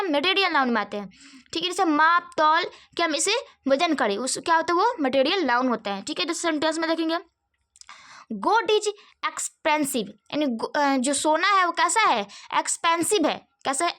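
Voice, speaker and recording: Young Hindi-accented woman as a grammar teacher, high voice, asks and answers her own questions. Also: sharp tone. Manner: repeats questions and answers them herself, frequent "theek hai". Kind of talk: online grammar lesson.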